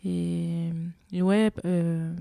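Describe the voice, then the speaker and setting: Soft-spoken hesitant young woman. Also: lowish voice, little pitch movement, drawn-out words, creaky, dry recording. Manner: hesitant, many fillers and restarts. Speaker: singer-guitarist guest. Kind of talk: casual interview chat.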